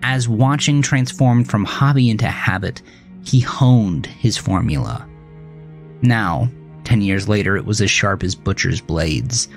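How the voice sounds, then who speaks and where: A man reads scripted horror narration at a slow, deliberate pace. His voice sits low, and a faint music bed runs underneath. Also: creaky. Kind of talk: scripted audio drama narration.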